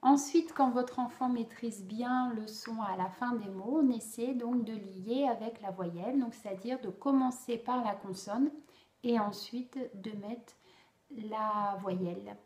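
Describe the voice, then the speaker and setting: A woman explaining how to teach a speech sound to children, slow and deliberate, with frequent pauses and fillers. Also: fairly high pitch, a little mellow. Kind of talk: instructional explanation for parents. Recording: echoey room.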